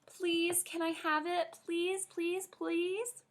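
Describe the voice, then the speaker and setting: A woman voicing a spirited, dramatic little girl who pleads and shouts excitedly. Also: very high voice, very slow, voice pushed up, exaggerated voice. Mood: begging.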